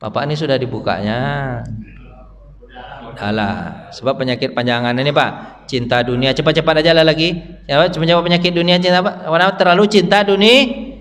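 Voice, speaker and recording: A man's voice: a little fast, fairly bright tone. Man teaching in an echoing mosque. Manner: quizzes the congregation, answers himself; pitch swings up high to stress a point. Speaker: ustadz teaching a dawn study circle. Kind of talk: interactive mosque lecture. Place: mosque hall. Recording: reverberant hall sound.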